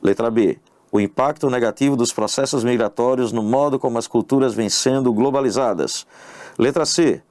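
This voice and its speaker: A man's voice: mid-range voice, normal speed, a little mellow, no echo. Male teacher for an exam-prep video, explanatory, talks straight to the viewer, dry sound. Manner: explanatory, addresses the viewer directly with tag questions. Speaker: English teacher. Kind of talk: exam review lesson. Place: online video lesson.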